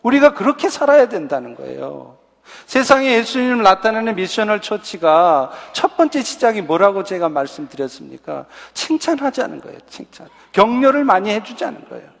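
A middle-aged man preaches in a high, light voice, earnest and conversational, asking his listeners questions. His words ring out with a long reverb from the church sanctuary. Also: sing-song, fairly quick, gravelly. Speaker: pastor. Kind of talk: sermon.

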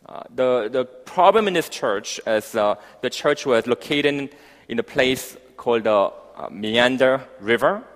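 Male preacher, halting delivery full of uh's, long hall reverb. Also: medium pitch, animated, fairly bright tone. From grew up partly in Africa. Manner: halting, with many fillers and restarts. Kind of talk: sermon.

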